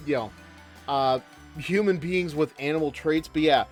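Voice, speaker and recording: A man's voice: a little high, moderate pace, faint music behind. A man chatting casually as a video game streamer, rambling and hesitant as he gives live commentary.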